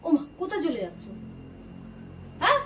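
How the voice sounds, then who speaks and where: A very high-voiced woman plays a worried wife, pressing with questions in a pleading, insistent way. She is heard from a distance, with faint room noise behind her. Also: wildly swooping pitch, moderate pace, sharp tone. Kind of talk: short family drama acting.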